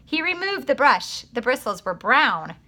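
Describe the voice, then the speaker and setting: A woman, a teacher, reading a children's book aloud in an expressive, animated way. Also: high-pitched, unhurried.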